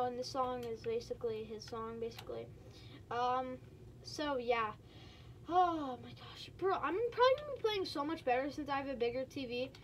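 A high-pitched female gamer talks her viewers through a match in a loose, chatty way. She bursts into quick exclamations as things happen on screen, and her voice sits well above the usual range. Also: a little hiss or hum. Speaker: gaming streamer. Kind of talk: casual gameplay commentary.

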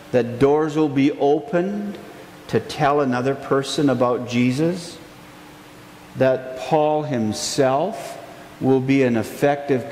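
Slow, earnest male pastor in an echoey church. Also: fairly high pitch, darkish tone. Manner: earnest, gestures a lot, slow emphatic phrases. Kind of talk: sermon. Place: church sanctuary, indoors. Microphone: pulpit mic, far camera. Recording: echoey sanctuary with long reverb, faint hiss.

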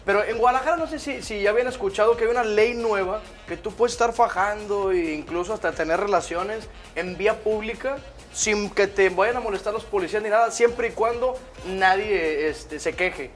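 Excitable high-voiced comedy host. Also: male voice, fairly quick, soft background music. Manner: excitable, teasing, bursts into shouts. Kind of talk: lively comedy studio chat.

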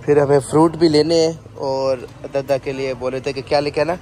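A man's voice: fairly high pitch, little pitch movement, moderate pace, dark tone, slight background noise. A man hosting a casual family vlog, chatting to his viewers as guys and teasing the children with him while out at the shops. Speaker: family vlogger. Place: out and about at shops and a market.

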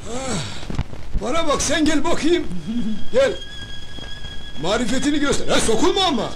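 An actor playing an excitable, bossy palace dignitary in a farcical film comedy, blustering and exclaiming. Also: male voice, extremely high pitch, normal speed, noisy background.

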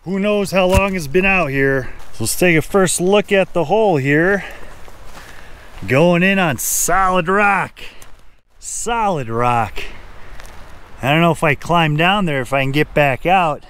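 Slow-talking man exploring a mine outdoors. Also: fairly high pitch, a bit bright, clear, resonant tone. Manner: unhurried, thinking aloud while pointing things out. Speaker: gold prospecting vlogger. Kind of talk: outdoor exploration vlog narration. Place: outdoors at an abandoned mine shaft.

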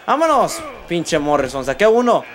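Mexican gamer host, high and very lively voice, excitable and foul-mouthed, running commentary over a wrestling game. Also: male voice, normal speed. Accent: Mexican Spanish. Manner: excitable, swears a lot, talks to viewers while playing. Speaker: gaming channel host. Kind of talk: let's play commentary.

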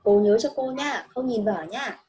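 Patient woman teacher, higher voice. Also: moderate pace, mellow, a little hiss or hum, rough recording. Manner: patient, coaxing, repeats answers back. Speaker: English teacher. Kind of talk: one-on-one children's English lesson.

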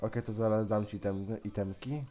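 A man's voice: on the low side, steady tone, a little fast, warm tone, soft background music. A man chatting casually while gaming, teasing and pranking another player as a YouTuber. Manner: teasing, joking, playfully mocking.

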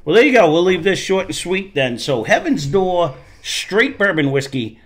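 A man co-hosting a casual whiskey tasting chat, talking haltingly, repeating words and sounding enthusiastic about the bottle. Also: high-pitched, big pitch swings, a crowd in the background. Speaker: whiskey review show co-host.

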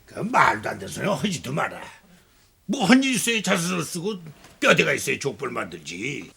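A man's voice: fairly high pitch, big pitch swings, fairly quick, creaky, sharp tone, exaggerated voice. A man playing a blustery, impulsive middle-aged husband and boss in a Korean TV family drama, speaking brusquely and emphatically. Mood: scornful.

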